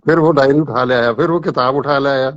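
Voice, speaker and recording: A man hosting a casual chat who tells a joke and acts out the lines of the people in it, on muffled lo-fi audio. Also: mid-range voice. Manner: storytelling, acts out the dialogue. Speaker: channel host.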